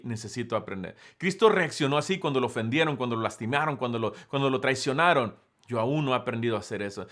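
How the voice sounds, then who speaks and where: A male pastor delivering a sermon in a slightly high voice. He preaches earnestly, lifting his pitch on questions and falling low and quiet on the phrases he stresses. He reads scripture aloud between his points.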